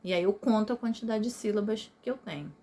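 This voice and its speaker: A woman's voice: medium pitch, fast, mellow, a little hiss or hum. A woman teacher with a Brazilian accent, patiently explaining a recorded video lesson to ninth graders and often checking in with her listeners. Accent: Brazilian Portuguese.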